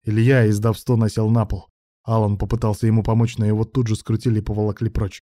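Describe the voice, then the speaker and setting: A man's voice: lowish voice, level tone, fast talker, no echo, clean studio sound. A man narrating a story as an audiobook, reading dramatically. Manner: dramatic reading, shouting quoted lines.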